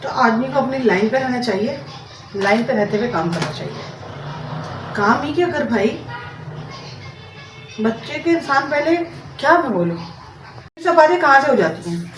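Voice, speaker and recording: A woman's voice: on the high side, expressive, moderate pace, pauses often, faint music behind. Chatty woman vlogging, far from the mic. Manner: chatty and rambling, mixing in English words. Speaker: home vlogger. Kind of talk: rambling casual vlog chat. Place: home, cooking in the kitchen. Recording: roomy, distant mic with noisy background.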